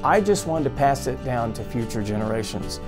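With an animated, mid-range voice at normal speed, a man in his fifties with an American accent recalls his past as an old-time radio show host, as though being interviewed. Plucked guitar accompanies him in a small radio studio office.

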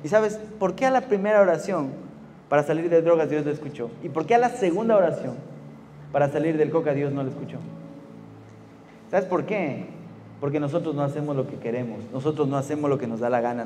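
A man's voice: on the high side, a little mellow. A man preaching a youth sermon, emphatic and full of rhetorical questions to the audience. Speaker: youth pastor. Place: church hall. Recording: hall reverb with faint music.

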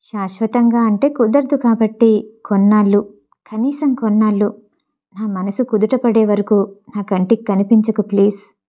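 A woman's voice: medium pitch, fairly even intonation, moderate pace, warm tone, natural voice. A woman voicing a heartbroken young woman, trembling. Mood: pleading. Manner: tearful, trembling voice. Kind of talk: audiobook character voice.

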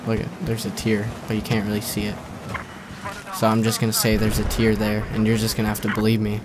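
A young man giving casual, joking, rambling commentary over his own gameplay, often sarcastic. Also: on the low side. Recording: faint gunfire and game noise behind.

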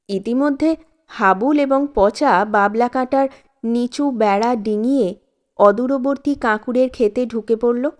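A woman storyteller giving a calm, measured scripted narration of a classic short story. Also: fairly high pitch.

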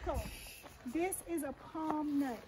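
Curious high-voiced woman on tour. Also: normal speed. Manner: curious, asks lots of questions. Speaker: tour participant. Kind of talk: casual chat. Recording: outdoor background noise.

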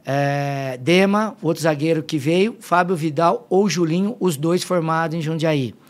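Middle-aged man, slightly high voice. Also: unhurried. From Limeira, São Paulo state, Brazil. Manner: lively storyteller, acts out dialogue. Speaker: podcast guest, fitness coach. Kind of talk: casual storytelling interview.

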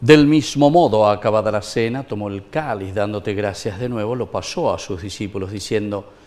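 A middle-aged Paraguayan priest, his voice low-leaning and darkish, recites the prayers of Mass in a measured, solemn manner inside a small chapel paneled in wood.

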